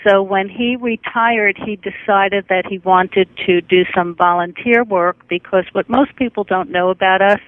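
A woman's voice: fairly low pitch, no echo. Chatty middle-aged woman on a phone line. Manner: chatty, effusive, rambling storyteller. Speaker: guest, dog owner. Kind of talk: casual interview chat. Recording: tinny phone-line radio audio.

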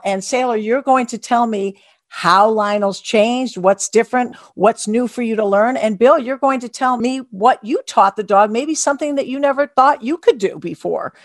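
A woman's voice: fairly high pitch, no echo. Gushing, upbeat woman hosting a pet podcast. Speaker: podcast host. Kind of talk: casual interview chat. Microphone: video call.

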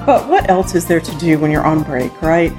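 Woman podcaster, low-pitched, chatty, on a recorder. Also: expressive, normal speed, over music. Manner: chatty, rambling asides. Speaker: podcast host. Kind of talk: casual solo podcast talk. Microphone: talking into a handheld recorder.

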